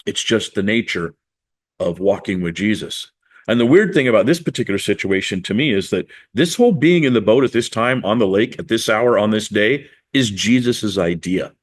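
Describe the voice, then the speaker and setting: A man's voice: on the low side, lively intonation, normal speed. A man preaching a sermon in a conversational, storytelling way, acting out the people he quotes. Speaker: pastor.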